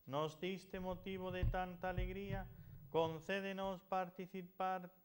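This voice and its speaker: Male priest, notably high voice, delivering formal Mass prayers. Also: flat delivery, a little slow. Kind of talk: liturgical prayer recitation.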